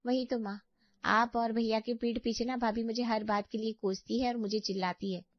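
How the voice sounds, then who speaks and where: A woman's voice: fairly high pitch, fairly even intonation, moderate pace, dry recording, natural voice. A woman voicing a spiteful, scheming young sister-in-law in a cartoon story, with an accusing, whiny manner. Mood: scornful. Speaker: voice actor. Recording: dry, slightly dull audio.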